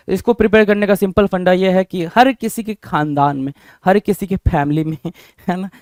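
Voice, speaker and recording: High-voiced animated male vocabulary teacher. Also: no echo, clean studio sound. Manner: animated, repeats words with quiz-like questions. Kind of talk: Hinglish vocabulary lesson.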